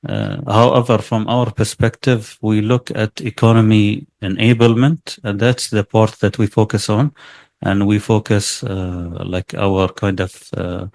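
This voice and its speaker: A man from Qatar speaking as a panelist for a development fund, halting with many fillers and restarts. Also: lowish voice, level tone, vocal fry, darkish tone, no room sound. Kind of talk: panel discussion.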